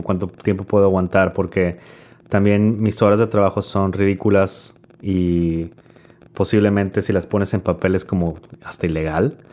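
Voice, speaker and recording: A man's voice: on the low side, warm tone. A young man, an interview guest talking reflectively and rambling with many restarts. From Mexico. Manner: thoughtful, rambling, many restarts and filler tags.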